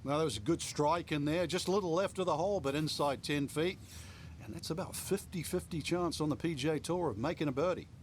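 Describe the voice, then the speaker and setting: A man's voice: fairly high pitch, fairly quick, a little hiss or hum. A man giving conversational, opinionated golf commentary as an analyst.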